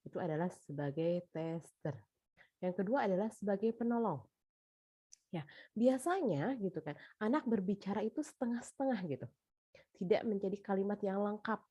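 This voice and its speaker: A woman's voice: mid-range voice, expressive, a little fast, dark tone, no room sound. A woman giving a casual spoken lecture on teaching children, chatty, with frequent fillers and tag questions. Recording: dull lo-fi sound.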